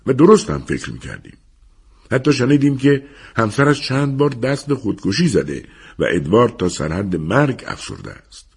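A man's voice: mid-range voice, very animated, gravelly, darkish tone, husky. A man narrating a story in an audiobook, reading expressively.

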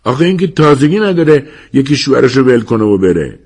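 A man's voice: medium pitch, big pitch swings, darkish tone, voice pushed up. A man voicing a blunt, worldly neighborhood man in an audiobook, scolding plainly. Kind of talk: audiobook character voice.

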